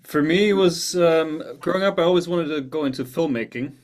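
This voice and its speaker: A man's voice: fairly high pitch, brisk. A man from Germany who works as a film composer, answering interview questions thoughtfully and often repeating words as he searches for phrasing.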